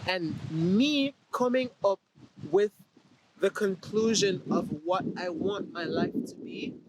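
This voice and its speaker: A man hosting his vlog, giving a slow, deliberate motivational talk to the camera and asking the viewer rhetorical questions. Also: sits high, animated, noisy background. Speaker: vlog host.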